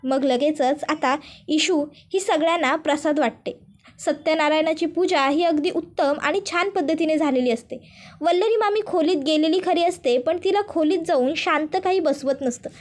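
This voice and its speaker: Woman retelling a serial episode, very high voice, strings events together like a story. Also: moderate pace. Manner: chaining events with stock linking phrases. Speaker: narrator recapping a TV serial. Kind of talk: storytelling recap narration.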